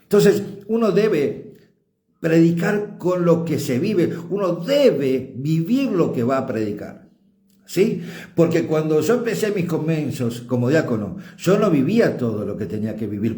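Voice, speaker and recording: A middle-aged man with an Argentine Spanish accent delivers a sermon in a strong, emphatic way. His voice sits a little high for a man, with a mellow, dark tone. The room around him rings with a noticeable echo. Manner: forceful, emphatic preaching. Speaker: apostle and pastor.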